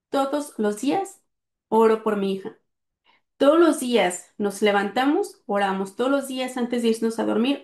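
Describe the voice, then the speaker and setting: Middle-aged woman, higher register, earnest storyteller, echoey room. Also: darkish tone. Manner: earnest, speaks with frequent fillers. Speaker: guest sharing testimony. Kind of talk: personal storytelling.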